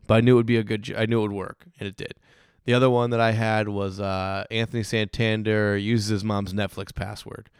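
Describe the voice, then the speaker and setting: A man in his thirties from Michigan, hoarse from losing his voice, chatting casually in a rambling, self-interrupting way with frequent laughs. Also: fairly low pitch, no echo, studio quality. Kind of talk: casual chat.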